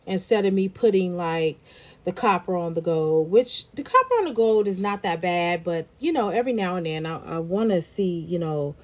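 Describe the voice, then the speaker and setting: Walking viewers through making a necklace, a woman chats casually and thinks aloud as she works, her voice nasal and congested from a head cold. She speaks at a normal speed, fairly low in pitch and animated.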